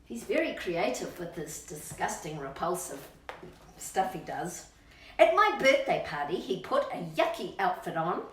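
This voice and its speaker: On the low side and a little slow, this woman's sing-song voice brings a children's storybook to life, with words drawn out for emphasis. As a storytime channel host, she chats to her dog too, captured with roomy echo on a distant mic.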